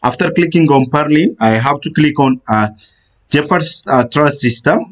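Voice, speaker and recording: Narrating a screen-recorded software tutorial, a man with a slightly high voice gives step-by-step instructions. His delivery is halting and full of "uh" fillers.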